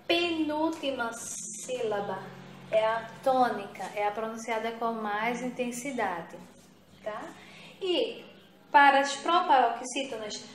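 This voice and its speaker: A woman's voice: a little high, a little hiss or hum. A woman teaching a recorded grammar lesson to young pupils, patient and repeating herself, checking in with short questions. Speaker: primary school teacher. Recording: echoey room.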